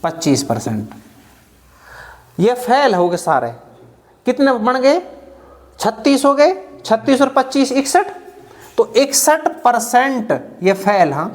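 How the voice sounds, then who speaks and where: A man's voice: very high voice, sing-song, takes it slowly, long pauses. A man teaching an exam-prep math lesson, counting out each calculation aloud step by step and often checking that the class has understood.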